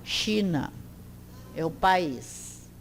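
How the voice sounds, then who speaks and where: Very slow-speaking woman teaching in a reverberant hall. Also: on the low side, animated, slight background noise. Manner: slow, drawn-out drilling of words for learners to repeat. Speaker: Esperanto teacher. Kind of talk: classroom pronunciation lesson.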